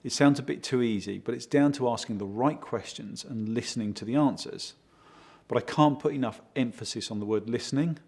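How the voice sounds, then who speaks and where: Man, husky, mid pitch, interview answers, steady and explanatory. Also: a little fast. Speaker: project consultant for a home design firm.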